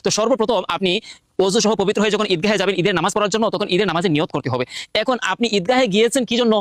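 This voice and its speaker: A man teaching how to pray, explaining quickly and then chanting the prayer slowly. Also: sits high, dry recording, clean studio sound. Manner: rapid explanatory delivery, slow drawn-out chanting when reciting. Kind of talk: instructional talk, then chanted Arabic recitation.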